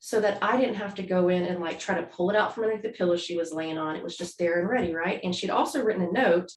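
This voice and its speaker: A woman's voice: on the low side, fast talker, slight background noise. A woman co-hosting a podcast in casual, chatty talk. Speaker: podcast co-host. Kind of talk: casual chat. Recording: roomy echoey room.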